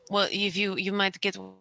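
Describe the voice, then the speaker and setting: A woman on a laggy video call whose voice keeps cutting in and out, speaking in halting, broken-off phrases during an online tabletop game. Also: mid-range voice, vocal fry, pushed and bright. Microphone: laptop on a video call.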